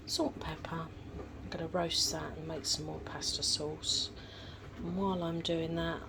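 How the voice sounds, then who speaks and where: A woman giving a casual, chatty gardening vlog, showing things off in an unhurried, informal way. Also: fairly low pitch, noisy background. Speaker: gardening vlogger.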